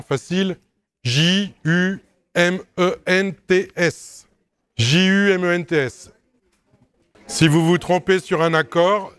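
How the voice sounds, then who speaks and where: Slow, spelling-out male French teacher. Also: a little high, a bit bright, clean tone. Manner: spells words letter by letter, explains patiently with asides. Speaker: teacher correcting a dictation. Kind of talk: dictation correction lesson.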